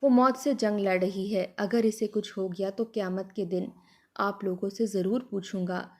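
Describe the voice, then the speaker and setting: A woman's voice: medium pitch, steady tone, normal speed, darkish tone, natural voice. A woman voicing a grief-stricken young husband who pleads emotionally in a spoken love story. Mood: anguished.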